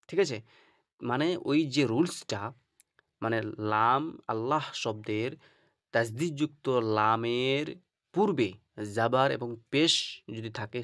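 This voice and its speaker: A man teaches Quran reading in a patient, repetitive lesson style. His voice sits at a middle pitch and sounds close and dry, with no room echo. He checks in with the learner again and again and draws out example words slowly. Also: a bit bright. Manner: patient and repetitive, often asking "ঠিক আছে?" and drawing out Arabic examples slowly. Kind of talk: instructional video lesson.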